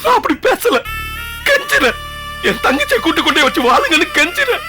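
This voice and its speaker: A man's voice: very high-pitched, expressive, fast talker. An actor playing an older brother earnestly begging his sister's husband to take her back, in a TV serial. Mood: pleading. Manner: earnest, pleading. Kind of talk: TV serial acting. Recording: background score music. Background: background score music.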